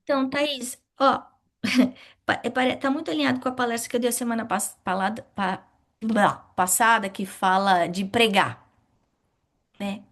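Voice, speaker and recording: A middle-aged woman teaching a spiritist study class, asking questions and answering them herself in a lively way. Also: fairly high pitch, moderate pace.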